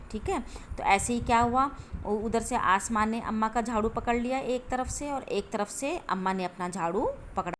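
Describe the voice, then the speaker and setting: A woman's voice: medium pitch, a bit bright, a little hiss or hum. A woman schoolteacher explaining a story to young children, repeating herself and asking the class questions. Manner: patient, asks the class questions and repeats "okay" constantly. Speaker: school teacher.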